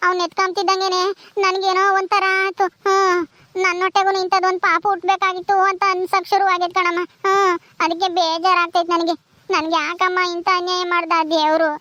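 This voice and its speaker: A childless young village wife, played by a woman, aches for a baby of her own. She speaks plaintively and turns her lament to God. Her voice sits very high and sounds bright and sharp. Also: fairly even intonation, quick pace, no room sound, highs cut off. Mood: sorrowful. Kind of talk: village family drama acting.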